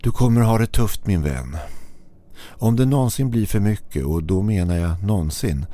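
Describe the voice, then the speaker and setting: A man doing a soft-spoken sinister old man. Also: lowish voice, expressive, voice pushed up, natural voice. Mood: coaxing. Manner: soft, mild, coaxing. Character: sinister old man in a suit, falsely kind. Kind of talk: scripted horror narration.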